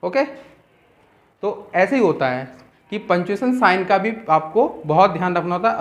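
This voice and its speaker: Hindi-speaking male grammar teacher. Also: high-pitched. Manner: explains step by step, often checks with "ठीक है". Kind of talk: casual grammar lesson.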